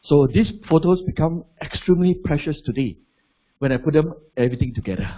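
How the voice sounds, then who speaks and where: In a muffled recording, a fortyish motivational business speaker with a Malaysian English accent gives an animated, fairly quick seminar talk in a slightly high voice. He keeps it chatty, throws rhetorical questions at the audience, and slips in "lah."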